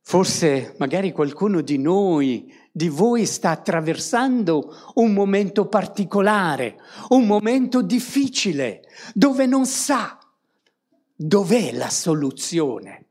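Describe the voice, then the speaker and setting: A woman's voice: on the low side, animated, slow, a little mellow. A woman preaching a sermon to a congregation, often tagging on rhetorical questions to draw her listeners in.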